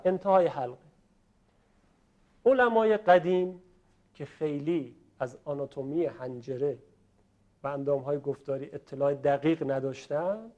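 A man teaching a class on pronunciation, explaining patiently, checking often that students follow and voicing sounds slowly to show them. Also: fairly high pitch, darkish tone, muffled recording. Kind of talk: classroom lesson on Quranic pronunciation.

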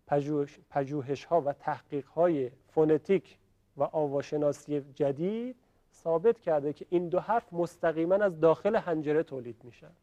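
A man teaching a class on pronunciation, explaining patiently, checking often that students follow and voicing sounds slowly to show them. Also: on the high side, a little mellow, highs cut off. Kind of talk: classroom lesson on Quranic pronunciation.

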